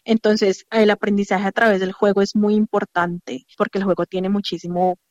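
A woman who works as an early childhood educator, answering interview questions in a thoughtful, explanatory way, pausing with fillers as she goes. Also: mid-range voice, flat delivery, darkish tone, no room sound, dull audio. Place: childcare centre.

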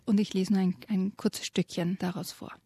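A woman co-hosts a podcast on children's books, speaking thoughtfully with a few pauses. Her voice is husky and mellow, recorded close in a dry space. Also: medium pitch, flat delivery, no room sound. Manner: thoughtful, hesitant with fillers. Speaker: podcast co-host and reader. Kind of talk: casual podcast talk.

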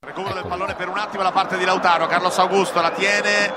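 Breathless, very high-pitched male goal commentator. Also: fast talker. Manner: breathless, excited shouting. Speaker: TV football commentator. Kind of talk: live football goal commentary. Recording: loud stadium crowd and noise.

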